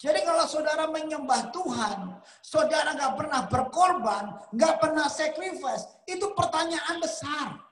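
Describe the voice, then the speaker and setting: A man preaching a sermon, telling a personal story and rising to emphatic near-shouts, with English words slipped into his talk. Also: very high voice, normal speed. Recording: roomy echo.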